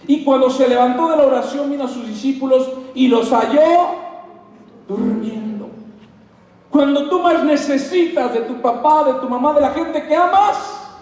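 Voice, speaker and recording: A man with a Mexican Spanish accent preaching a sermon as pastor, animated and acting out little dialogues. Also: very high-pitched, normal speed. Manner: animated, acts out dialogues in put-on voices. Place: church hall. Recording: echoey hall, mic at a distance.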